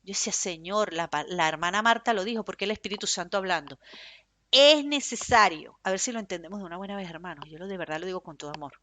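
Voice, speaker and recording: A woman preaching a fervent, emphatic sermon in Spanish with a Venezuelan accent, speaking in a loud tone. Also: lowish voice, very fast, few pauses.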